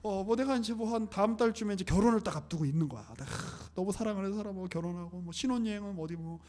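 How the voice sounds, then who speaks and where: A man's voice: high voice, very fast, darkish tone. A young man preaching a casual live-streamed sermon, chatty and joking, often laughing. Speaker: pastor.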